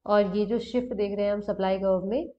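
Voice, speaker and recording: A woman's voice: mid-range voice, fairly even intonation. A young woman teaching economics in Hindi-English mix, explaining step by step over a diagram. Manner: explanatory, mixes English terms into Hindi, pauses to check. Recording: dull lo-fi recording.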